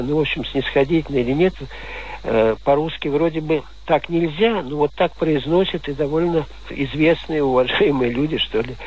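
A man's voice: fairly high pitch, breathy edge. A man calling in to a radio show who asks his questions in a rambling way, full of fillers. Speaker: caller. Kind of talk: call-in question. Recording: muffled phone line with faint hiss.

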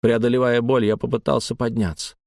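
Man narrating a story calmly, dry sound. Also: mid-range voice, brisk, vocal fry, no echo. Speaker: audiobook narrator. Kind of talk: first-person scripted narration.

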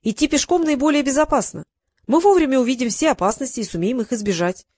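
A woman's voice: sits high, fast, darkish tone, no room sound, studio quality, voice pushed up. Woman voicing a sly old genie. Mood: scheming. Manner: wheedling, pedantic, mock-respectful. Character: sly, evasive male genie, centuries old.

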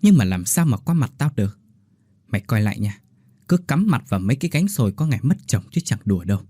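A man's voice: lowish voice, very animated, quick pace, warm tone, breathy edge, no room sound, clean studio sound. A man voicing a nosy, gossiping woman neighbor at the market who insists on being heard. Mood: gossipy.

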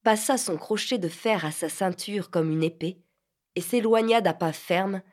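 A woman narrating an audiobook of a literary novel in a measured, expressive reading. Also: medium pitch.

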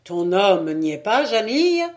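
Woman reading an easygoing country priest, firm, a little loud. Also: mid-range voice, very animated, measured pace. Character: jovial good-natured country priest, man.

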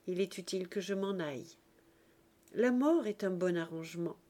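A woman reading the part of a dying old man, gentle and resigned, speaking softly and slowly. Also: lowish voice, lightly acted. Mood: tender, resigned. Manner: soft, hushed, slow.

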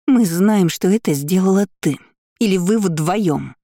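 A woman voicing a spoiled, indignant young noblewoman making loud accusations. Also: fairly low pitch, fast talker, no room sound, clean studio sound, natural voice. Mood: accusing.

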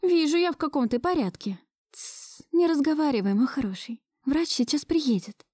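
A woman reading a story voices a caring young woman who fusses and scolds tenderly in a high voice. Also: animated, normal speed, dark tone, no echo, clean studio sound. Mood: fretful. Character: caring, fussy young woman, the hero's partner.

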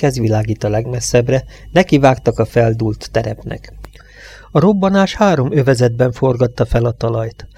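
A man narrating an audiobook in a measured, even storytelling manner. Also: medium pitch. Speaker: audiobook reader.

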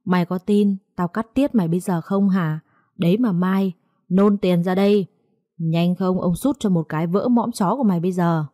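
A woman narrator puts on a vulgar tattooed male debt-collector thug in an audio story, taunting and threatening without pause. The voice sits low and mellow, recorded close and dry. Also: no room sound, lightly acted. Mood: furious.

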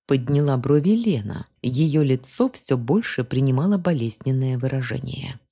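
Brief: female audiobook narrator, dark tone, lively intonation. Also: rumbling low, normal speed, husky.

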